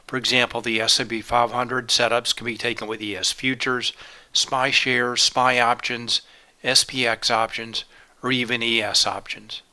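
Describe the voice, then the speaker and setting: Hosting a live trading webinar, a man with a mid-range voice sounds pushed and bright. He works through the material step by step, naming each item plainly. His cold shows in a slightly congested voice and a sore throat.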